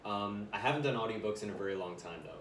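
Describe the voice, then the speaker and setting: Low-voiced man chatting, far from the mic. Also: fast, a bit bright. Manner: chatty, many fillers. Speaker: voiceover actor guest. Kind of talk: casual podcast chat. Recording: roomy room, far mic, faint noise.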